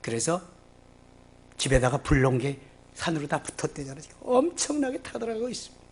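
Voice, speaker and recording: A middle-aged male pastor preaching with lively, dramatic delivery. His voice sits fairly high for a man, and he often plays out conversations, dropping low and quiet, then rising to excited exclamations. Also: fairly quick, breathy edge. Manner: animated, acts out dialogues with God in lowered voice. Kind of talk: sermon.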